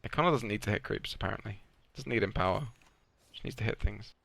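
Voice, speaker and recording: A man's voice: on the low side, gravelly, a bit bright. A man co-casting a live esports match, blunt and swearing casually. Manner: blunt, fast, sweary co-commentator. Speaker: esports caster. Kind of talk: live game commentary.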